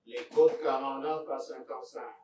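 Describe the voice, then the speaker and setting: A man, reading out court exhibits as a lawyer, slow and deliberate with pointed remarks. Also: mid-range voice, fairly even intonation, mellow, a little hiss or hum. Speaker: court lawyer presenting evidence. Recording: echoey courtroom from far off.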